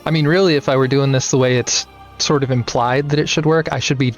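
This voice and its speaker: A man's voice: medium pitch, fairly even intonation, quick pace, lo-fi sound, soft background music. A man streaming a video game, making rambling, self-deprecating asides. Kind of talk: casual game commentary.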